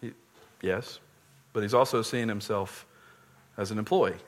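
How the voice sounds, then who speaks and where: A man's voice: lowish voice, a little slow. A man preaching a sermon, earnestly explaining scripture and often repeating words as he goes.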